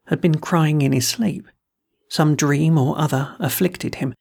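Gravelly, husky storyteller. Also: mid-range voice. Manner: measured, deliberate storytelling. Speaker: host and reader of a horror story. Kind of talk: scripted narration of a classic ghost story.

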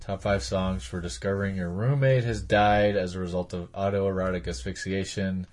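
A man's voice: sits low, steady tone, moderate pace, darkish tone. A man hosting a casual comedy podcast, rambling and laughing as he talks. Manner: rambling, laughs often, acts out voices in stories. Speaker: podcast host.

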